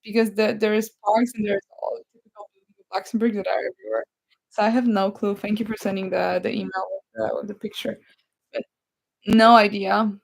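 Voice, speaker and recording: A woman's voice: mid-range voice, flat delivery, fairly quick, gravelly, no echo, poor audio. A woman from Poland, rambling in a casual live chat with viewers. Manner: rambling, chatty, reads viewer comments aloud. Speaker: livestream host.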